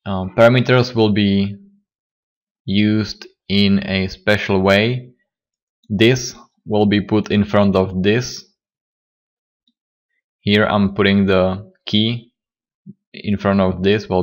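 A man with a slightly hoarse, lowish voice walks through a coding tutorial. He speaks slowly and haltingly, pausing often and restarting his sentences as he explains each step. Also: highs cut off. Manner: halting, many fillers and restarts. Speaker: programming tutor. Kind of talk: screen-recorded coding tutorial.

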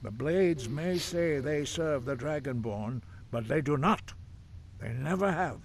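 A man voicing a solemn, stern old monk in a video game, speaking in a grave, measured, lecturing way. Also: on the high side, animated. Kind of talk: game character dialogue.

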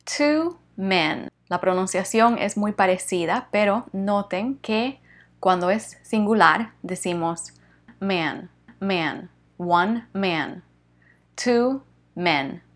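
Woman teacher, extremely slow careful delivery, drawn-out model words, mid-pitched voice. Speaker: English teacher. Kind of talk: slow, clear English pronunciation lesson.

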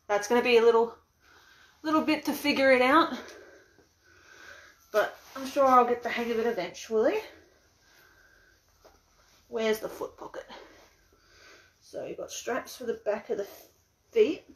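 This young vlogger with an Australian accent rambles and laughs through an unboxing on a phone live stream, the camera balanced on a mug in her small, messy bedroom. Her fairly high voice moves at a measured pace with long pauses, and there is slight background noise.

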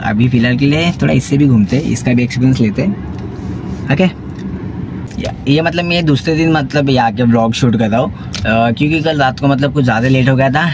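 Young man rambling in a parked car. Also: mid-range voice. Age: young adult. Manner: rambling, many fillers and repeats. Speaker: vlogger. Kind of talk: casual vlog talk to camera. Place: inside a parked small car, daytime. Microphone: phone camera at arm's length. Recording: noisy phone video in a car.

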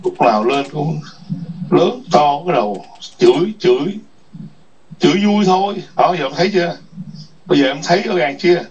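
Husky foul-mouthed man ranting. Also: a little high, expressive, moderate pace, pauses often, darkish tone. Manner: foul-mouthed, scolding, repetitive taunts. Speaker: chat room host. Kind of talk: ranting livestream chat. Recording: distant muffled lo-fi mic.

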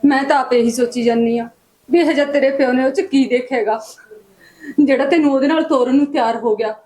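A woman's voice: high voice, fairly quick, darkish tone, natural voice. A woman playing a mother comforting her crying daughter and criticizing the match. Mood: consoling. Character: consoling mother doubting the match.

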